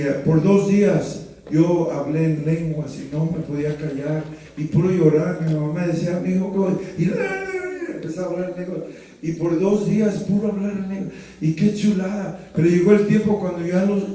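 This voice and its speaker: Heard from afar in an echoing church hall, a middle-aged pastor preaches passionately at normal speed. His voice is fairly high yet dark, and he alternates between Spanish and English, punctuating his points with amens.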